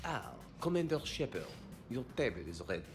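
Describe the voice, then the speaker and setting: An actor playing a polite male restaurant host with a fake French accent, in a smooth, formal manner. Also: medium pitch, sing-song, a little fast, natural voice. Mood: courteous. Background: game music.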